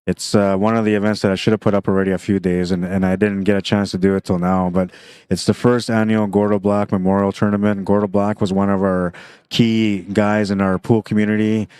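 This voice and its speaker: Male livestream pool commentator: low, even delivery, talks through shots casually. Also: fairly quick, clear, resonant tone, no echo, clean studio sound. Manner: chatty, thinks aloud about shots.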